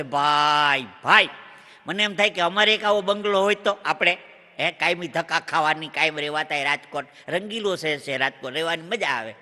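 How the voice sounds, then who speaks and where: A high, very bright, forceful male voice with a lilt, telling a string of comic stories to a live crowd. He is a punchy joke-teller who slips into bits of dialogue as he goes. His voice rings out with the long reverb of a large hall. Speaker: stand-up comedian. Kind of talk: Gujarati comic storytelling on stage. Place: stage before a live audience in a large hall.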